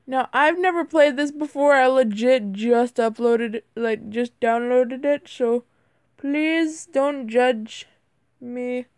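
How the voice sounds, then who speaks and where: A woman gamer gives casual commentary while playing a mobile game, getting flustered easily, making fun of herself, and constantly saying "bro" and "like" as her voice cracks. Her voice is high-pitched, steady, slow, a little mellow, clear and resonant, recorded dry at studio quality.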